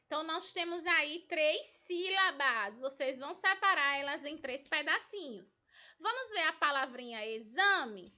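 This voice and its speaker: A woman primary school teacher from Brazil walking children through homework, patient and slow, spelling out syllables. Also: high voice, lively intonation, pushed and bright. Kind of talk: remote homework lesson walkthrough. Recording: dull lo-fi recording.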